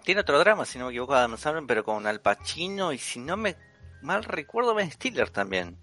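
A man with a Rioplatense accent, co-hosting a casual chat, asking questions with slangy jokes and quick asides. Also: a little high, very animated, pushed and bright, faint music behind. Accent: Rioplatense Spanish. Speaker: podcast co-host.

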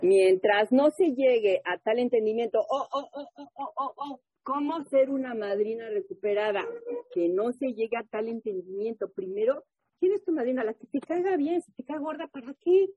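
Woman, fairly high voice, husky, speaking to a group, animated, questions to listeners, tinny phone-like audio. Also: normal speed, no room sound. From Mexico. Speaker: speaker at a recovery group meeting. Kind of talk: personal testimony and reading aloud to a group.

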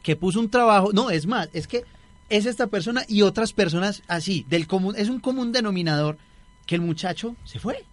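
Young male co-host, slightly high voice, casual storyteller who slips into the voices of the people he quotes. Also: animated, brisk, no echo. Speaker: radio show co-host. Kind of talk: casual chat.

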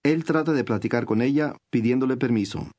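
A man giving clear, patient scripted instructions as a language course narrator. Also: mid-range voice, fairly quick, darkish tone.

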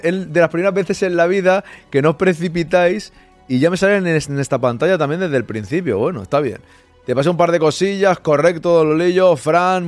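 A chatty man hosting a live podcast show, joking with viewers as he greets them. His voice sits fairly high, recorded dry and close with faint background music. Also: dry recording. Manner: jokey, chatty, reads chat messages aloud. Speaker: podcast host.

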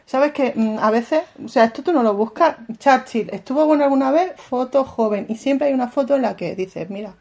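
A woman's voice: sits high, fairly quick, creaky, few pauses, darkish tone. A young woman with a Catalan accent, co-hosting a comedy podcast, playful and teasing. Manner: playful, teasing, addresses the audience. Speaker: podcast co-host. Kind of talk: casual comedic chat.

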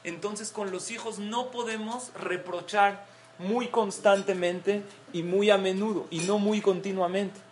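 A woman's voice: mid-range voice, steady tone, a little slow, darkish tone, a little hiss or hum. A middle-aged woman giving a parenting talk to a group of mothers, explaining points and acting out example quotes. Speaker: parenting class speaker.

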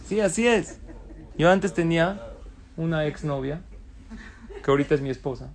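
A man's voice: fairly high pitch, normal speed, crowd noise. A man giving a Torah lecture, throwing rhetorical questions at his audience and answering them himself. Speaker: rabbi lecturer.

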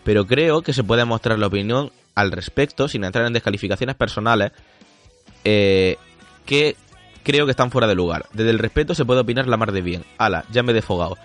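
A man's voice: on the low side, fairly quick, a bit bright, faint music behind. A man hosting a casual podcast chat, reading listener comments aloud, laughing often and swearing casually.

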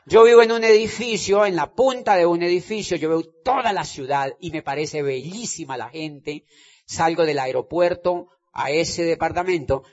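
A man giving an emphatic motivational stage talk, repeating phrases and checking that listeners understand. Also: high voice. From Colombia. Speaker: motivational speaker. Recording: dull lo-fi sound.

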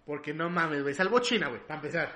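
Man, Mexican accent, loud swearing banter, bright forceful voice, roomy echo. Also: on the high side, very fast. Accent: Mexican Spanish. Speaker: podcast co-host. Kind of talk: casual chat.

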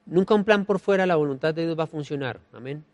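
A man preaching a sermon, emphatic, swinging between soft and loud and repeating key phrases as refrains. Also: a little high, fast talker, dry recording. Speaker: pastor.

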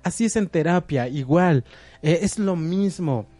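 A man co-hosting a psychology talk show, explaining points in a relaxed way with everyday examples. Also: fairly high pitch, measured pace, no echo. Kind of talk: conversational talk-show discussion.

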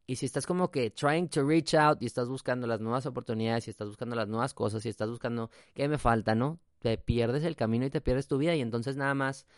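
In a relaxed, reflective monologue, a Mexican-accented male podcast host mixes in English phrases and tag questions. He speaks quickly at a medium pitch with few pauses. The recording is dry and studio quality.

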